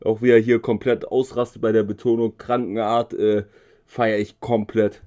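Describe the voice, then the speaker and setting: Dark-voiced man casually reacting to rap. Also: lowish voice, little pitch movement, moderate pace. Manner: slangy, loose, lots of filler sounds. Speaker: music reaction host.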